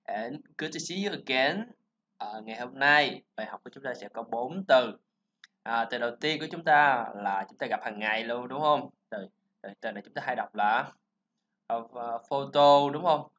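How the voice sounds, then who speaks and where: A man teaching a pronunciation lesson, explaining sounds and repeating words slowly for learners to copy. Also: mid-range voice, animated, pushed and bright, slight background noise. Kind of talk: classroom-style pronunciation lesson. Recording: slightly dull lo-fi recording.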